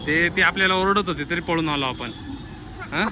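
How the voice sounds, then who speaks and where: A man's voice: fairly high pitch, moderate pace, crowd noise. Chatty father vlogging outdoors, noisy street. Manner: chatty, addresses viewers as friends, hurries the children along. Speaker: family vlogger. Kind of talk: casual vlog narration to viewers. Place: outdoor public garden. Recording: outdoor phone audio with loud street noise.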